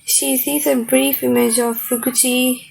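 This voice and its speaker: A young woman casually reacting to a manga chapter, reading panels aloud between excitable, slangy asides. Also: high-pitched, measured pace, creaky, low-quality recording.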